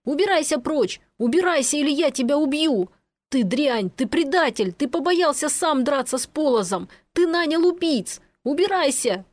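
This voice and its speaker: A woman voicing a hot-tempered, desperate young man in an audiobook, shouting and pleading. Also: sits high, lively intonation, normal speed, no room sound, pitched above the performer's own voice. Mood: furious.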